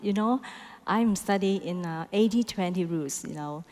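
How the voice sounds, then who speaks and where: A woman team leader giving a measured panel answer, often pausing with "you know". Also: on the low side, darkish tone, long reverb tail.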